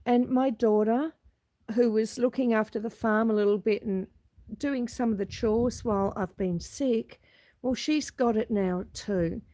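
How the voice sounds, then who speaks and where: Chatting casually, a middle-aged Australian woman welcomes viewers to a live stream from her homestead, with her phone camera filming outdoors. Her voice is husky and hoarse from a cold, slightly high, unhurried, and warm in tone.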